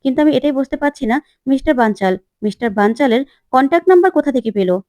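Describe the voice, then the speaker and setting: Lady doing a serious young guy who keeps asking questions, kinda high. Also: lively intonation, racing, darkish tone, no echo, studio quality. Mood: earnest. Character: young adult man, earnest brother.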